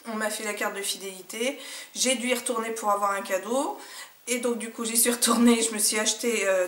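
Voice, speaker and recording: A woman's voice: mid-range voice, a bit bright. A woman giving a casual product review, chatty and full of hesitations. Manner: chatty, many hesitations and fillers. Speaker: beauty vlogger reviewing a shampoo. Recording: echoey room, mic at a distance.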